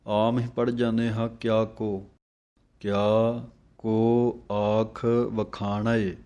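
A man teaching careful scripture recitation line by line, chanting each phrase slowly and then briefly explaining how to say it. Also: on the low side, dark tone. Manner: slow chanted lines, then quick spoken corrections.

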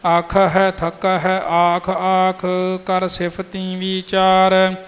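A man reciting scripture in a slow, even, sung-through chant. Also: high-pitched. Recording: long hall reverb, faint music.

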